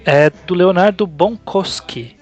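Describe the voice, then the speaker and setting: A man's voice: sits high, slow, darkish tone, highs cut off. A man with a Brazilian Portuguese accent co-hosting a casual podcast, joking around and reading listener emails. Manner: jokey, reads listener emails aloud. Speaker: podcast co-host.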